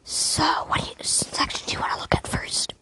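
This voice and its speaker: A woman's voice: a little fast, pushed and bright, close to an everyday voice. A woman voicing a friendly female clothing store salesperson in a whispered role-play, with casual fillers. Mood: helpful.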